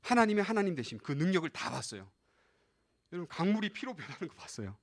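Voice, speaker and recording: A pastor preaches a live sermon at a youth service, speaking directly to the young listeners and acting out the voices in scripture. He talks fast in a high voice with big pitch swings and some vocal fry.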